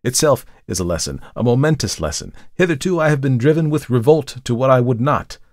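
A man's voice: mid-range voice, animated, a little fast, darkish tone, dry recording, studio quality, close to an everyday voice. A man voicing a desperate male murderer who pleads his case in an impassioned, emphatic way, in a dramatic audiobook reading. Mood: reflective.

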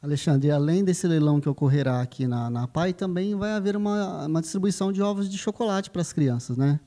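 A man's voice: a little high, a little fast, mellow. A man with a Brazilian accent, working as a reporter and delivering local news and interview questions.

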